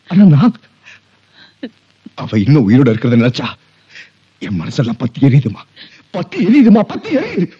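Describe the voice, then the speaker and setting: A high, husky male voice with sweeping swings of pitch, playing a grown son who grieves and lashes out at the mother who abandoned him. The dialogue is tearful and pleading, heard on a dull, muffled film soundtrack with music underneath. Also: no echo, heavily acted. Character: grieving young adult son, bitter toward his birth mother.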